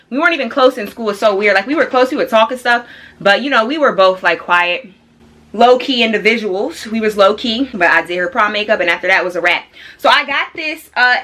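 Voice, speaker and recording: A young woman of twenty-one chatting excitedly and casually as she does her makeup for a vlog, full of slang. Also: mid-range voice. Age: young adult. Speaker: beauty vlogger. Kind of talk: casual get-ready-with-me chat. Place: home studio room.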